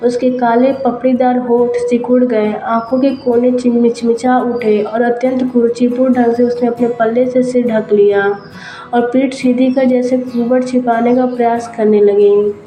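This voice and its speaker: A woman narrates a story in a steady, even reading style. Her voice is mellow and a little high, with little rise and fall. The sound is roomy, with faint background music. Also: a little slow. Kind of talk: scripted audio story narration.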